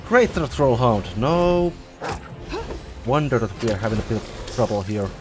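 A man's voice: mid-range voice, animated, normal speed, over music. A man casually commenting as he plays a fantasy game, thinking aloud and reacting to the fight. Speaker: let's play host.

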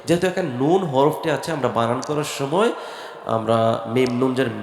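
A man teaching Quran recitation, spelling out each letter and vowel mark and then chanting the words slowly. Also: medium pitch, lively intonation. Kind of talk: slow spelling-out recitation lesson. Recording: echoey room with long reverb and faint music.

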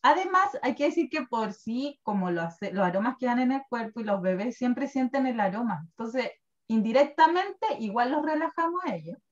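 A woman in her thirties with a Chilean Spanish accent, chatting casually as a guest who presents wellness products. She talks in an animated, chatty way and laughs often. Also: fairly high pitch, normal speed. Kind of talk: casual chat. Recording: dull lo-fi recording.

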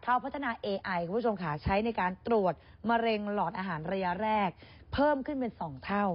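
Woman news co-host, rapid talk, higher voice, chatty, dull lo-fi sound. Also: animated. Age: adult with a child. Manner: chatty, addresses viewers directly. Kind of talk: casual news chat.

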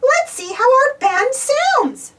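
A woman's voice: extremely high pitch, sing-song, takes it slowly, distant mic, noisy background, pitched above the performer's own voice, exaggerated voice. A woman voicing a cheerful, eager talking bar of soap in a children's storybook, exclaiming with enthusiasm. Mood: excited, eager. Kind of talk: children's storybook read-aloud.

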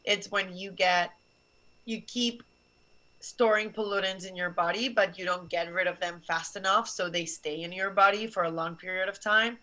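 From a small office, a young guest scientist from Barcelona, Spain, gives students an earnest science explanation by webcam, gesturing as she goes. Her mid-range voice is steady, bright and forceful at normal speed, though the recording is rough.

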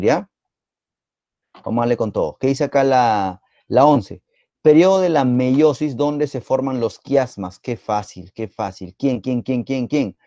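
A man with a Peruvian Spanish accent teaching a live online biology exam-prep class, quizzing students in a playful, teasing way and repeating words rapidly. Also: mid-range voice, warm tone, no echo, lo-fi sound.

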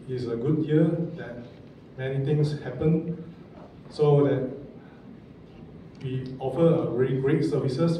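Very dark-toned man, echoey. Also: medium pitch. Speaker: panelist, sales manager. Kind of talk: panel talk, company pitch. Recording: very echoey hall, distant mic, faint noise.

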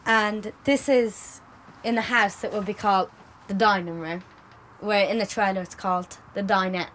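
A woman's voice: medium pitch, steady tone, moderate pace, fairly bright tone, slight background noise. A woman of eighteen, a newlywed, chatting casually to camera in a plain-spoken, informal way. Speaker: newlywed bride. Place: outdoors at night and inside a small caravan.

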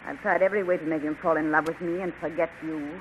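A woman's voice: low voice, fairly even intonation, fast, close to an everyday voice. A woman acting an imperious, regal witch queen in a 1930s radio serial, haughty and declamatory. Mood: haughty, confessing. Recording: muffled, hissy 1930s radio recording.

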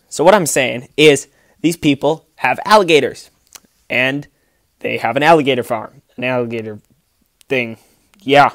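A man's voice: mid-range voice, no echo. A man hosting a casual vlog, showing off his Lego city and rambling with lots of fillers and restarts while filming it on a handheld phone. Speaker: Lego city builder and channel host. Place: indoor room with a large Lego table, behind the camera.

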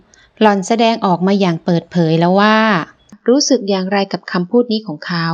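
A woman narrating a romance novel as an audiobook, in a measured storytelling manner. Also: medium pitch, dull audio.

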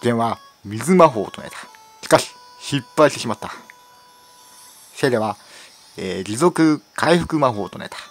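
A hoarse man commentating a game, reading its dialogue aloud with frequent giggles, stumbles and asides. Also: medium pitch. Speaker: game streamer. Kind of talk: playful let's-play commentary reading game text aloud.

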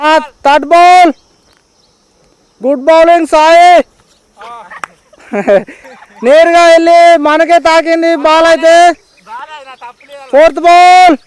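A man's voice: very high-pitched, takes it slowly, long pauses. A man with a Telangana Telugu accent giving informal, exclamatory ball-by-ball cricket commentary, often repeating his calls.

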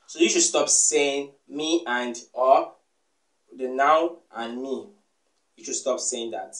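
A man's voice: mid-range voice, takes it slowly, a bit bright. A man giving a casual English lesson, repeating each correction with emphatic "yes" and "okay" asides. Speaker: English teacher. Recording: echoey room, voice from far off the mic.

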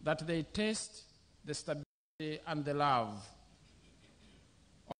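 A middle-aged bishop preaches into a podium microphone under an open-air canopy. His voice sits a little high for a man, and he delivers the sermon very slowly, one short phrase at a time. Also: sing-song. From Zambia. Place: outdoor covered church venue.

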